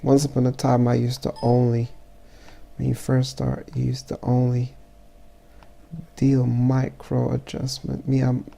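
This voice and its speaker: A man with a stuffy, congested voice narrating a casual photo-editing tutorial as he works, halting and thinking aloud. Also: medium pitch, monotone, creaky, warm tone. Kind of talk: casual software tutorial voice-over.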